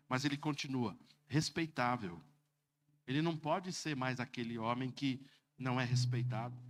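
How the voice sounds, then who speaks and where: A man in his fifties with a Brazilian Portuguese accent, preaching a sermon as pastor, calling out "Amém?" and mimicking people in funny voices. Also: medium pitch. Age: 50s. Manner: lively preaching, mocking voices, repeated "Amém?".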